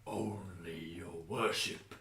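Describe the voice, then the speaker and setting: A man voicing a huge, imperious red dragon in a tabletop game, booming yet breathy, grand and beckoning. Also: steady tone, slow pace, distant mic. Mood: solemn, demanding. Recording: echoey room, clear background noise.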